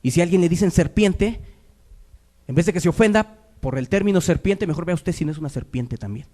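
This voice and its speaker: A man with a high voice delivers a fervent sermon. He swings between soft, low asides and loud, soaring exhortation, drawing out key words slowly for weight. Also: animated. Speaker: preacher.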